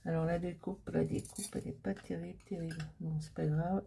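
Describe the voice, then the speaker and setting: A middle-aged woman crafter talking casually through a paper-crafting project, chatty and hesitant, with many pauses and fillers. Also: lowish voice, level tone, vocal fry, warm tone, a little hiss or hum.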